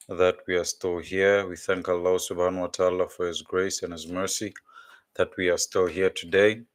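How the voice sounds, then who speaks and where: A man with a low voice hosts a casual religious livestream on a dry recording. Congested with a blocked nose and sore throat, he rambles and repeats words as he searches for them.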